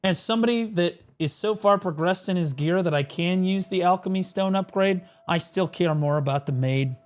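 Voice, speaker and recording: A man's voice: high voice, moderate pace. A man on a livestream headset mic, ranting sarcastically and swearing through casual game commentary. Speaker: livestream gamer.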